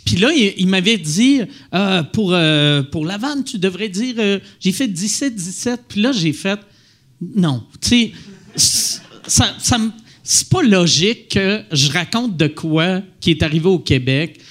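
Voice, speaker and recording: Lively high-voiced Québécois man. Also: unhurried. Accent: Québécois French. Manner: animated, joking. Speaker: comedian guest. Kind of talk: casual chat.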